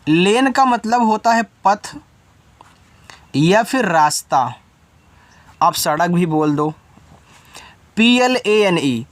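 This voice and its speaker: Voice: medium pitch, dry recording. Teacher guy or gal spelling words out one letter at a time, casual and direct, mid voice, dry close sound. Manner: spells words letter by letter, then explains meaning; talks directly to the learner, informal. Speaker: English teacher. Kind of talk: step-by-step spelling lesson.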